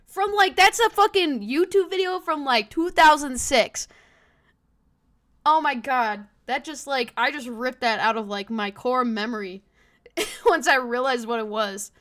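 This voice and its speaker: High-voiced woman streaming a game. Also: a little slow, a bit bright. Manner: frequent swearing. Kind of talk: casual gameplay commentary.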